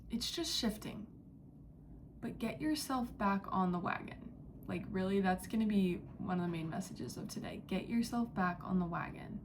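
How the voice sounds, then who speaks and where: A young woman giving a spiritual channeling message, talking in a halting, dreamy way with many fillers and slipping into soft whispers. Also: medium pitch, a little hiss or hum. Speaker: psychic channeler. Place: indoors near a window, street and birds outside.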